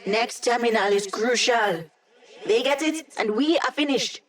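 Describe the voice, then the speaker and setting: A woman's voice: a little high, expressive, measured pace, echoey room, far from the mic. A woman voicing a cocky, playful young female hacker in a video game, with a wry, teasing, self-assured delivery. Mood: urgent, commanding. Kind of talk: video game character voice lines.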